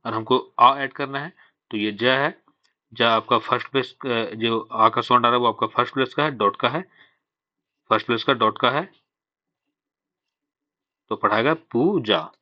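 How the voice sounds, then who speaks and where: A man's voice: medium pitch, a little slow, long pauses, no echo, highs cut off. A man teaching a shorthand lesson, patiently explaining step by step and asking himself questions before answering them. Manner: mixes English terms into Hindi. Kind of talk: classroom-style lesson.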